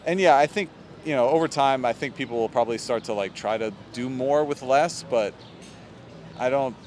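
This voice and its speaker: An opinionated man in his thirties talks through his views in a casual street interview. His voice sits at a middling pitch. He is animated and throws in quick asides, with faint city traffic behind him. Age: 30s. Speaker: podcast guest.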